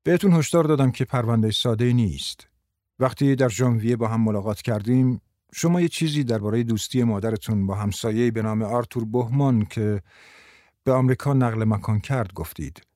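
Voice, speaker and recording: Man playing a calm male investigator, measured, explanatory, mellow tone, dry sound. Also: mid-range voice, no echo, close to an everyday voice. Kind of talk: audiobook character voice.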